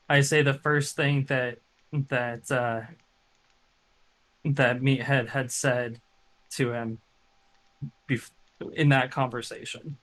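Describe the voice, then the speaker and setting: Slow, halting man playing a game. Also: mid-range voice, pushed and bright, low-quality recording. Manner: halting, with frequent restarts. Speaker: player. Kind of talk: casual tabletop game talk.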